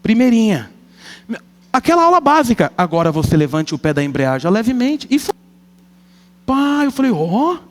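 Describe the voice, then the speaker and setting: A man preaching a sermon, telling a comic family story with animated delivery. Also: extremely high pitch, moderate pace, pauses often. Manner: animated, comic, acts out family members' voices. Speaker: pastor. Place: church hall. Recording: long church hall reverb.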